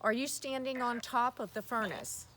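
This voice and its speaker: A paranormal investigator host puts questions to spirits during a spirit box session, often saying the same thing again. Her voice is on the high side at a moderate pace, and clicks and noise run through the recording.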